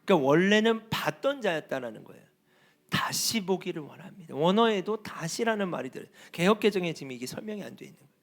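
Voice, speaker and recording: Male pastor, very high voice, preaching with rhetorical questions and surging intensity. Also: animated, fast. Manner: rhetorical questions, rising to shouts at climaxes. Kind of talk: sermon.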